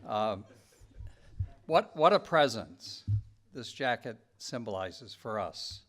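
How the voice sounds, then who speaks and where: A man, a Jesuit priest, giving reflective remarks before a benediction and pausing often with fillers. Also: on the low side, big pitch swings, fairly bright tone. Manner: halting, reflective, many fillers.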